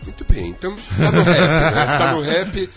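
A man's voice: on the high side, very animated, moderate pace, creaky, over loud music. A man hosting a radio interview, teasing and playful with his guests. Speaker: radio host interviewing a band. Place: radio studio.

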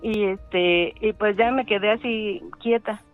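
A middle-aged woman, calling in to tell a ghost story in a halting way with many fillers, over a phone line. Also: mid-range voice, steady tone, faint music behind. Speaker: caller telling a ghost story.

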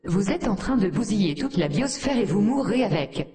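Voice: medium pitch, sing-song, normal speed, mellow, close to an everyday voice. A performer voicing a sardonic female artificial intelligence that talks down to humans with cold contempt, in an echoey room. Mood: scornful.

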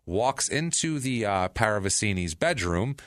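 A man's voice: fairly low pitch, lively intonation, a little slow, fairly bright tone, no echo, clean studio sound. A man co-hosting a podcast, casually telling a true-crime story with joking asides and the odd curse while reading out testimony. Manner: profane, joking, reads out testimony.

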